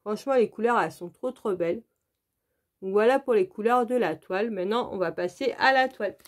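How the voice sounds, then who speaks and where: A woman's voice: mid-range voice, a little fast. A woman hosting her crafting channel, walking viewers through an unboxing in a casual, chatty way, full of "donc, euh" fillers and direct asides to the viewer.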